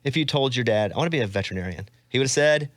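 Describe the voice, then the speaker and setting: A man's voice: mid-range voice, lively intonation, racing, fairly bright tone, dry recording, clean studio sound. A man hosting a podcast, asking questions in a jokey, self-deprecating way. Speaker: podcast host. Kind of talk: casual interview chat.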